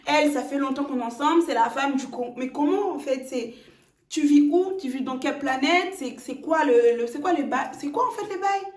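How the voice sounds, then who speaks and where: A woman from Congo narrating a storytime vlog with expressive, indignant asides. Her voice sits high. It rings with a roomy echo. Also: normal speed. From Congo (DRC). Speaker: storytelling vlogger.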